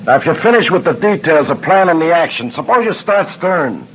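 An actor playing a sarcastic, bossy ship's cook in an old radio navy drama. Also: male voice, fairly high pitch, very animated, brisk. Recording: muffled old radio recording, faint noise.

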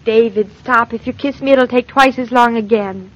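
An actress playing a cheerful, affectionate young newlywed wife in an old-time radio drama. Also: female voice, fairly high pitch, normal speed, natural voice. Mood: affectionate, playful. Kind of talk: 1950s radio drama acting. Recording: muffled old radio transcription.

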